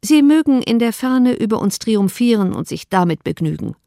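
A woman's voice: fairly high pitch, very animated, normal speed, gravelly, warm tone, no echo, studio quality. A woman voicing a spirited, frank young woman who speaks with indignant emphasis in an audiobook reading.

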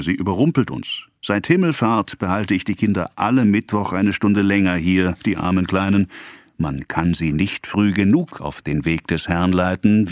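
A man voicing a jovial, talkative old village priest in an audiobook, speaking slowly and emphatically. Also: low-pitched, a little mellow, no room sound, clean studio sound, natural voice.

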